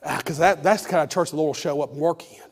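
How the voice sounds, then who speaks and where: A pastor preaches with a fairly high, hoarse voice, circling back over his words and restarting sentences as he presses his point. His voice carries a long reverb from the church sanctuary. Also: quick pace. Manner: fervent preaching with frequent restarts and repeated words. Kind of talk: sermon.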